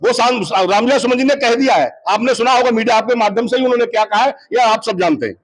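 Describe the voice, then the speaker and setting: A man, a party worker, answering reporters in a measured, defensive way. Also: very high-pitched, rough recording. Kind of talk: press statement to reporters.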